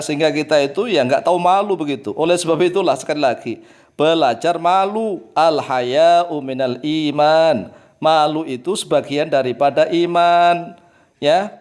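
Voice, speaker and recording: A man teaching Arabic grammar in a religious lesson, repeating key words and drilling their pronunciation. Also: on the high side.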